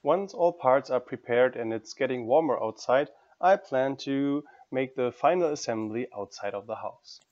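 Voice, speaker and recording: A man narrating a scripted woodworking tutorial in an even, matter-of-fact way. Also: mid-range voice, moderate pace, few pauses, lo-fi sound. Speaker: woodworking channel host.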